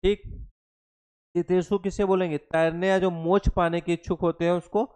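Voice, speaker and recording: A young male teacher runs an exam-prep Hindi lesson, mixing English terms into his Hindi. He repeats each definition several times and keeps quizzing his students. His voice is smooth and clear, pitched a little high for a man. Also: flat delivery, moderate pace, darkish tone. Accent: Hindi with English terms mixed in. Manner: repeats each definition, asks the class questions.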